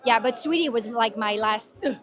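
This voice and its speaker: Higher-voiced woman, gushing but halting. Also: fairly bright tone, a faint crowd. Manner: halting, searching for words, admiring. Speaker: interviewed red carpet guest.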